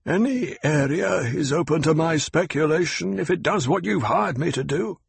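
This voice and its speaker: Man doing a cold old male Mentat, sharp and scornful, raised pitch, raspy, dry audiobook sound. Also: lively intonation, normal speed, no room sound, exaggerated voice. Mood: cold, cutting. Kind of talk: audiobook character voice.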